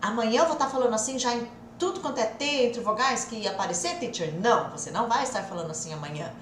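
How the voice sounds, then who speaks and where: A Brazilian woman teaching a live English lesson, drilling phrases over and over in a lively, repetitive way. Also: fairly high pitch, fast, echoey room, a little hiss or hum. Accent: Brazilian Portuguese.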